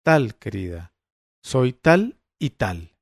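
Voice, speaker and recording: A man reading the lines of a mysterious woman on the phone who sounds calm, ironic and defiant. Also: mid-range voice, slow pace, creaky, dry recording, clean studio sound, exaggerated voice.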